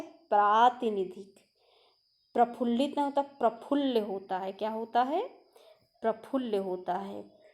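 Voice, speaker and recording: A young woman teaching an exam-prep spelling lesson, going through words one by one and asking rhetorical questions. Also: fairly high pitch. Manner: drills word by word, asks rhetorical questions. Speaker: Hindi teacher.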